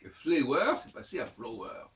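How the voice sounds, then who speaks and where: In his monologue lesson, the language and astrology lecturer repeats words over and over so listeners can sound them out. His slightly high voice swoops wildly in pitch, carries vocal fry and a fairly bright tone, and moves at normal speed. A distant mic leaves the sound dull.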